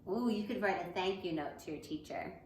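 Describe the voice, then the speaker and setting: With a low-leaning, darkish voice and a slightly fast pace, an elementary school teacher reads a picture book to young children. She breaks off for simple, encouraging asides to her pupils, and faint background noise accompanies the room's echo.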